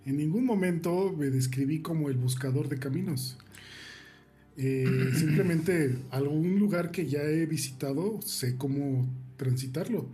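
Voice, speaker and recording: A man, a player in a tabletop game, speaking calmly and reassuringly in character. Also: on the high side, a little slow, faint music behind. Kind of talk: casual tabletop chat.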